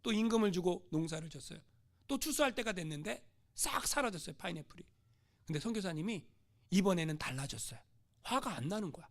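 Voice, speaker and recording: Animated Korean pastor telling a sermon story. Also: male voice, high-pitched, brisk. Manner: animated storytelling with questions to the congregation. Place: church sanctuary.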